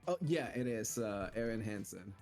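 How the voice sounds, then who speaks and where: A man's voice: on the low side, expressive, moderate pace, creaky, darkish tone, faint music behind. A man co-streaming a game who chats casually and shares trivia about the voice cast. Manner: casual, chatty, explains trivia. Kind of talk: casual gaming chat.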